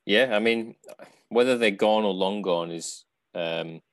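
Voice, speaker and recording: A man hosting a casual podcast conversation, relaxed and thoughtful, talking things through at length. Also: on the low side, measured pace, no echo. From Australia. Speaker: podcast host.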